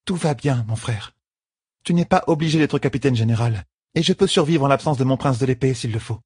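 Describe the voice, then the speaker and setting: A man voicing a poised, teasing young queen in an audiobook, with a husky tone and composed delivery. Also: mid-range voice, fairly quick, a little mellow, no echo, studio quality, voice pushed up, natural voice. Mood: earnest. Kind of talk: audiobook character voice.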